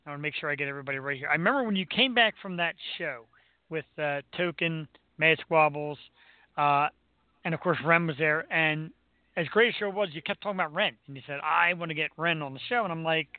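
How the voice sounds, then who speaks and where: An American man with a high voice hosts a casual talk show. He rambles along with playful bragging. The recording is dry and somewhat muffled. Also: fairly quick, no room sound. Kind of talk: casual chat.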